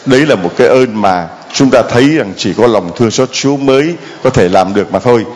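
A man's voice: medium pitch, brisk, a little mellow. A man leading a church gathering, handing out gifts and directing the congregation. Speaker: priest leading a service. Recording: long hall reverb with crowd.

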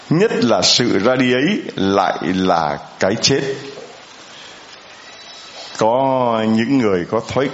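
A man's voice: on the low side, a little hiss or hum. Male priest, homily, chatty, questions to the congregation, echoey church, slightly muffled sound. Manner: conversational, asks the congregation questions.

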